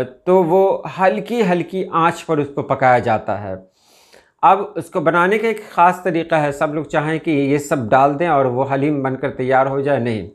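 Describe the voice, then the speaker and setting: A man from India giving an unscripted explanatory talk as a video host, speaking in a measured way with frequent "uh" pauses. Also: medium pitch.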